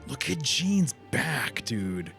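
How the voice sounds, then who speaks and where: Over game music, a male livestreamer plays a video game and offers casual, crude, slangy remarks. He has a medium pitch and a slow, sing-song delivery, gravelly yet a bit bright.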